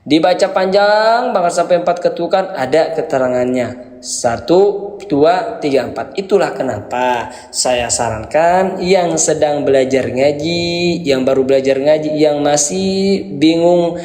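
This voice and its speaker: A man teaches beginners in a slow, patient lesson, asking questions and answering them himself. His voice sits a bit high for a man. The room is echoey, with a long trailing reverb. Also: darkish tone. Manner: repeats and quizzes with questions, then answers himself; addresses parents as Ayah Bunda. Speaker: Quran reading teacher.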